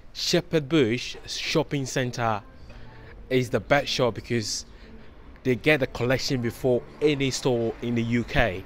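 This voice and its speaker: A man in his forties chatting casually to viewers as he films a shopping vlog with a handheld camera. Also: mid-range voice. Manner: chatty, fillers, talks to viewers. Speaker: vlogger. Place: clothing store and busy street. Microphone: handheld camera at arm's length.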